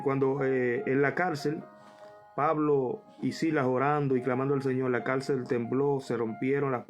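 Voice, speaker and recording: A man preaching a Bible study, reading verses aloud and repeating them for emphasis while calling the listeners brother. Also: mid-range voice.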